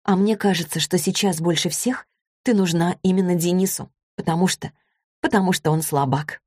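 A woman's voice: on the low side, moderate pace, darkish tone, slightly rough, no echo, studio quality. A woman reading a story, voicing an anxious, affectionate teenage girl who talks in an eager, pleading way. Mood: earnest.

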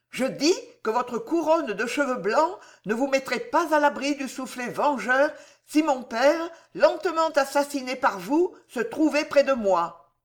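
A woman's voice: sits high, pitched above the performer's own voice. Woman voicing a proud, trembling young noblewoman. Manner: trembling yet dignified, rising in intensity. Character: proud young noblewoman, wronged wife, dignified. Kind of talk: audiobook reading.

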